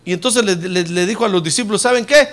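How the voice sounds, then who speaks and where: A middle-aged male pastor preaching a sermon with humor, swinging from loud emphatic peaks down to low soft asides. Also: fast. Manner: preaching with humor, rising loud on key points and dropping low and soft on "hermano".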